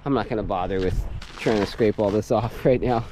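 Working outside on a snowy rural homestead, a thirtysomething man explains his equipment in a relaxed vlog, frequently chuckling. His lowish, dark voice runs at normal speed, recorded through a held or mounted action camera with poor sound and slight background noise.

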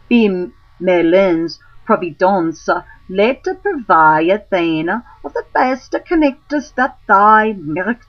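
Woman, lowish voice, Middle English pronunciation, literary recitation, very drawn-out halting phrases, muffled lo-fi audio.

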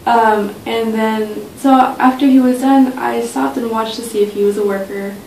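This study abroad student, a young adult woman, talks at normal speed in a steady, gravelly, slightly mellow voice. She's reminiscing casually for an interview testimony, seated indoors in a small office meeting room. The audio comes from a distant mic, sounding roomy with a faint low rumble.

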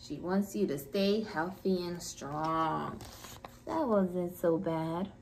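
A woman who is a preschool teacher, reading a picture book to young children in a gentle storytime voice. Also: on the low side, expressive, rough recording. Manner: gentle, slow, sing-song storytime delivery.

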